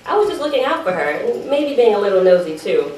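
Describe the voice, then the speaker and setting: With big pitch swings and a fast, slightly mellow, lightly acted voice in the mid-range, a woman performs a teenage sister explaining herself to Mama. She's evasive, defensive and apologetic, wandering into chatty digressions. The dramatic monologue was read at a live event and recorded from afar in a roomy space with faint background noise.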